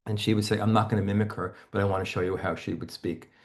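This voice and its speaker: A man's voice: on the low side, little pitch movement, quick pace. A man, a therapist, teaching a seminar in an earnest way and telling stories about clients, often repeating and restarting his phrases.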